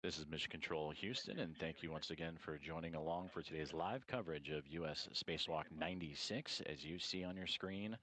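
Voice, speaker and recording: Very deep-voiced man giving live commentary. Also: brisk, hardly any pauses, fairly bright tone, no room sound. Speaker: live broadcast commentator from mission control.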